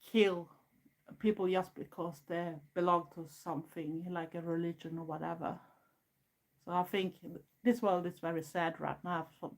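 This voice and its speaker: A Swedish woman in her fifties, a native speaker of Swedish, hosts a goth YouTube livestream and chats casually and frankly with viewers, answering their questions. Her English is plain and earnest, a second language carrying a Swedish accent. Her voice sits lowish and the audio quality is poor.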